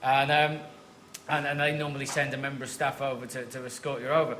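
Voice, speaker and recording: A man's voice: mid-range voice, flat delivery, a little fast, a bit bright, slight background noise, rough recording. A man, a comedian guest, telling a self-deprecating story on stage at a live comedy show. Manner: wry, self-deprecating anecdotes.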